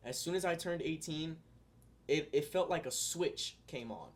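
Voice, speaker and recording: A young male vlogger with a fairly high voice talks to his viewers in no hurry. In a casual, rambling way, he offers earnest spiritual musings, repeatedly using fillers and restarting sentences.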